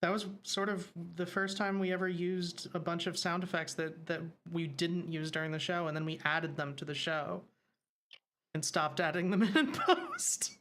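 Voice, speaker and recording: A co-host on a casual livestream chat, talkative and quick to add corrections, with lots of fillers. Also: medium pitch, flat delivery, fairly bright tone. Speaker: co-host and show editor.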